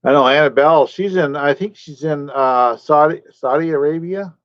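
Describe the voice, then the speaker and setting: A man's voice: a little high, normal speed, dry recording, dull audio. A man hosting a casual live stream, rambling and talking to his chat viewers by name.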